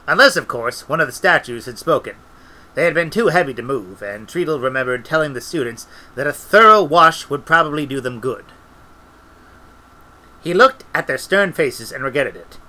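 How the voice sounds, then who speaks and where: A middle-aged man reading a comic novel aloud with lively, expressive storytelling. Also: on the high side, moderate pace, long pauses, low-quality recording. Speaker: audiobook reader.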